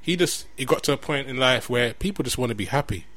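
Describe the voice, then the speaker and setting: A man's voice: medium pitch, expressive, fast, a bit bright. Emphatic London man in casual chat. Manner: emphatic, repeats phrases, slangy.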